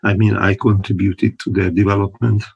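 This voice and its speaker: A man talks through his answers at an unhurried pace, pausing often to find the right word. His voice sits a little low and has a husky edge. He sounds like a guest speaking from home over a remote call. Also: little pitch movement, darkish tone, muffled recording. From Hungary. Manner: unhurried and thoughtful, many pauses, chuckles between thoughts. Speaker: guest, company founder. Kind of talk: casual interview talk.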